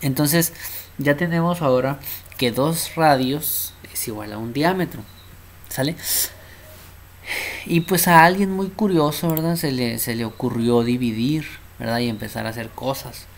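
A man's voice: mid-range voice, a little slow. Guy teaching math, laid back, keeps checking in, bit of hiss behind. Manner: casual, checks in with the class, repeats words. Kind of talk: informal math lesson at a board.

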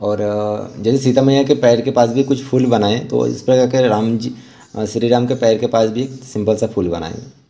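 An instructor narrates a step-by-step art tutorial, frequently pausing mid-sentence. His mid-range voice is creaky and mellow, with fairly even intonation.

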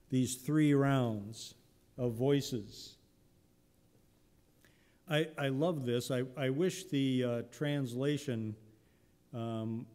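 A man preaches from the pulpit, taking his time and speaking in a mellow, warm tone. He tells Bible stories conversationally, with some humor. His voice rings out into a reverberant church sanctuary. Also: mid-range voice. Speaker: pastor. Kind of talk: sermon.

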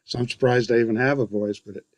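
A man's voice: medium pitch, steady tone, fast talker, dry recording. A man chatting casually after playing at an online open mic, easygoing and self-deprecating, heard over a video call.

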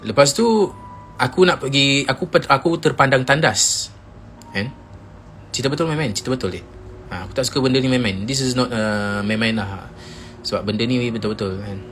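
A man's voice: medium pitch, a little fast, a little hiss or hum. Seorang pria muda beraksen Melayu Malaysia menceritakan kisah secara santai lewat siaran langsung dari ponsel, menirukan teriakan teman-temannya dengan hidup. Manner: animated, acts out friends' shouts in quoted lines. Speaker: Instagram live host. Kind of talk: casual storytelling on a live stream. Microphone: phone.

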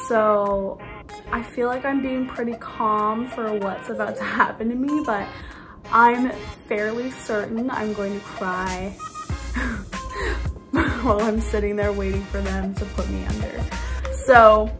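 A woman's voice: medium pitch, fairly even intonation, slow pace, music in the background, low-quality recording. A woman vlogger with a slight lisp, chatting candidly in a casual video diary. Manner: candid, chatty, many hedging fillers.

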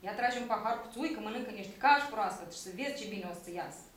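A woman's voice: mid-range voice, animated, fairly bright tone, lightly acted. A woman reading as an old grumbling shepherd. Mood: coaching. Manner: grumbling, folksy, coaching. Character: old male shepherd, weary then playful. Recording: echoey room from a distance.

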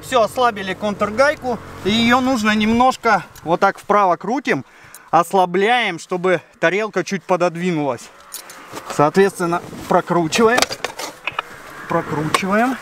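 A man's voice: high-pitched, moderate pace. A man casually explaining things on an outdoor vlog in snowy mountains, hot and sweaty from the work. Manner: chatty, explaining hands-on. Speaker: snowmobile vlogger and instructor. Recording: outdoor wind and engine noise.

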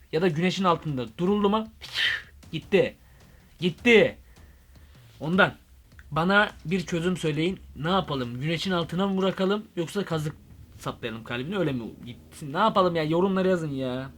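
A young man doing a comic vlog monologue, excitable and rambling, full of slang. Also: high-pitched. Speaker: YouTube comedian.

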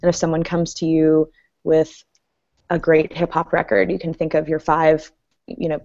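A woman's voice: low-pitched, mellow. A woman who works as a music publicist, explaining her job in a casual podcast chat, thoughtful and detailed. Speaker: music publicist and record label owner. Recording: muffled lo-fi sound.

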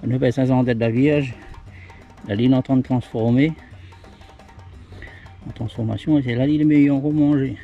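A middle-aged man with a Réunionese French accent explains his foraging in plain, halting talk. His voice sits at an ordinary middle pitch. Faint music runs beneath him. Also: steady tone, dull audio. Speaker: outdoor video host. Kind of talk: casual narration while foraging and cooking. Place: forest outdoors, then home kitchen.

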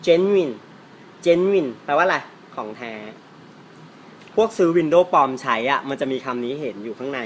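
A man teaching English pronunciation in a casual, playful way, teasing his viewers and stretching out example words slowly. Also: medium pitch, a bit bright, slight background noise.

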